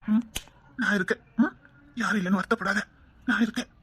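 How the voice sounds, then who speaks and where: A man playing a young groom who speaks quickly and earnestly, reassuring his bride. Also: sits high, fairly even intonation, a bit bright, slightly rough, dry recording, exaggerated voice. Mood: devoted. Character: young groom, devoted and protective. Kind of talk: Tamil web-series drama acting.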